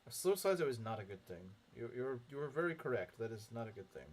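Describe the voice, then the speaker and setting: A young man talks fast and very animatedly in a mid-range voice while streaming a game. He's reading chat and rambling through his thoughts casually, full of filler words and frequent chuckles.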